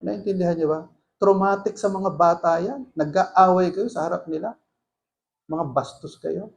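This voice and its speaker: A pastor delivers a sermon with a notably high-pitched voice. He mixes Tagalog and English, keeps asking the listeners rhetorical questions, and preaches with earnest emphasis. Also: moderate pace.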